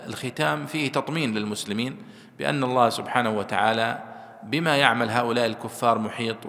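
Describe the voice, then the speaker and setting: A man explaining a scripture commentary to students, slowing down to spell out word forms and asking them questions. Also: mid-range voice, fairly bright tone, long reverb tail. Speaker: teacher explaining Quran commentary. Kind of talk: classroom lesson commentary.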